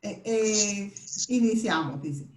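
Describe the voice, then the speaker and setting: A woman's voice: medium pitch, animated, takes it slowly, reverberant. A woman teaching a class, explaining step by step and leading a group recitation. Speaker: Bible memorization teacher. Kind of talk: classroom lesson.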